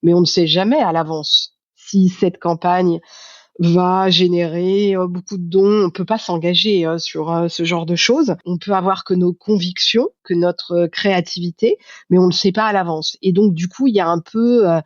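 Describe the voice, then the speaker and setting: A woman's voice: fairly low pitch, fairly even intonation, moderate pace, dry recording, highs cut off. Reflective woman in her fifties, dry sound. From Paris, France. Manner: reflective, with frequent fillers and restarts. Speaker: guest, communications agency founder. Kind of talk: podcast interview.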